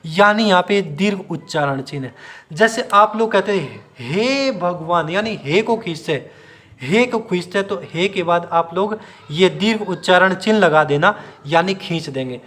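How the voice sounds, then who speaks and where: In a classroom-style video lesson, a man with a high, fairly bright voice teaches grammar to exam students. He drills them with repeated questions and answers and stretches sounds out to demonstrate.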